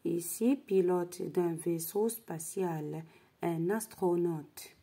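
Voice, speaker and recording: A woman's voice: lowish voice, drawn-out words, gravelly, dark tone, slightly rough. A woman teacher walks through a worksheet, spelling out syllables and checking in with "d'accord?". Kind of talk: slow worksheet lesson.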